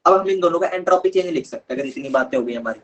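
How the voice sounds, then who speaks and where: A man's voice: a little high, animated, very fast, highs cut off. A man teaching a live online chemistry lesson, patiently explaining step by step and calling his students kids.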